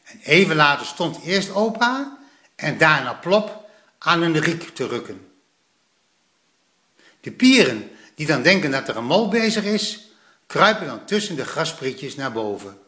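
A man reads a children's story aloud at an unhurried pace. His voice is bright, and his pitch moves in a lively way. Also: echoey room.

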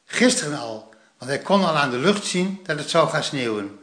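A man voicing a brisk, scolding but caring gnome grandmother who speaks firmly. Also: fairly high pitch, animated, fairly bright tone, echoey room. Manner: firm, scolding.

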